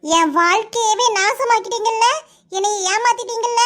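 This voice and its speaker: A woman's voice: very high voice, moderate pace, a bit bright. A woman voicing a bitter, defiant young village woman in a cartoon, with a southern Tamil Nadu accent. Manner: defiant, cutting.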